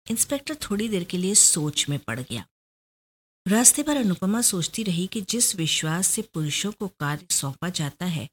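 A woman narrating a story aloud in a steady, measured way. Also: fairly low pitch, husky.

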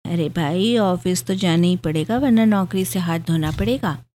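A woman voicing a gentle, affectionate young husband who speaks in a calm, reasoning, gently lecturing way in a storybook reading. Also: on the low side, normal speed, lightly acted. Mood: fond.

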